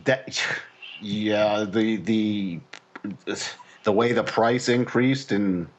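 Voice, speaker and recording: A man co-hosting a finance podcast, talking in a loose, halting way and sometimes breaking into animated mock voices. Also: lowish voice. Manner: hesitant restarts, jumps into animated mock voices. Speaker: podcast co-host. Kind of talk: casual podcast chat.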